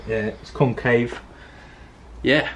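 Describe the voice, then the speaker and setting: In noisy handheld camera audio, a young man with a British accent chats casually while working on a car around his garage and driveway. He speaks slowly in a mid-range voice with fairly even intonation.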